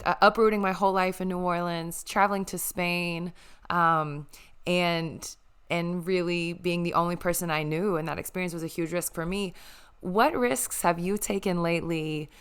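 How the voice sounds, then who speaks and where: A young woman hosts a casual podcast chat, earnest and moved, with a lower voice. Her tone is bright and crisp, with very clean, smooth articulation. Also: fairly even intonation, normal speed. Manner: emotional, earnest, grateful. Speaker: podcast host.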